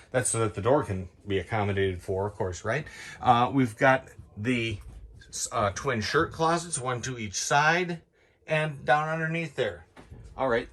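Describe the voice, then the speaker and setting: A man giving a chatty, quick sales walkthrough inside a travel trailer, tossing in playful sound-effect asides. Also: medium pitch, fairly bright tone. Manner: talks quickly, cramming in details. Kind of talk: product walkthrough tour.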